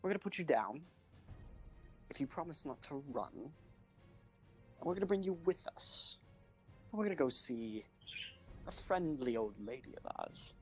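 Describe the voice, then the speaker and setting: A man's voice: a little high, expressive, normal speed, long pauses, faint music behind, lightly acted. A man playing a stern, formal nobleman who lectures his hired help. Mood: commanding.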